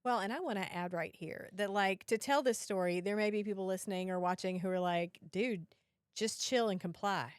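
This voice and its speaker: A woman's voice: mid-range voice, brisk, clear, resonant tone, no echo, clean studio sound. Woman co-host adding context. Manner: adds context for listeners, frequent short affirmations. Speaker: journalist and co-host. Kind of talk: casual conversation.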